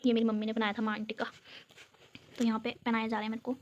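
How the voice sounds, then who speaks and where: A woman's voice: fairly high pitch, monotone, quick pace, highs cut off, slight background noise. A young woman from Uttarakhand, chatting and giggling as she shows viewers a photo album, filmed on her phone at home. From Uttarakhand, India. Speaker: vlogger. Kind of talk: casual chat showing a photo album. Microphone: phone camera.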